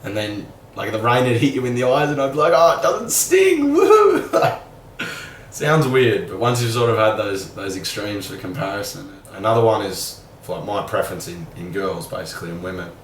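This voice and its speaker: A young man's low, steady voice runs a little fast with few pauses as he rambles through a candid, casual vlog, full of "like" and light swearing. The sound is roomy and a bit distant from the mic, with a faint hum in the background.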